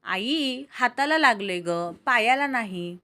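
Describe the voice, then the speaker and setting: A woman's voice: fairly high pitch, expressive, takes it slowly, pushed and bright, full character voice. A woman voicing a young woman who talks politely and earnestly.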